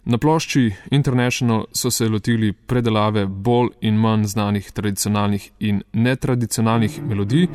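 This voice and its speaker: A man hosts a radio music show, introducing performers and tracks in a measured, scripted way. His voice sits on the low side. Faint music plays underneath him. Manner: measured, announcing track details. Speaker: radio host.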